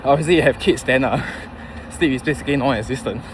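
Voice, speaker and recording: A man in his thirties with a Singaporean accent, a running vlogger, rambles casually to his audience, thinking aloud in a halting, informal way. His voice is medium-pitched. Clear traffic and vehicle noise can be heard outdoors.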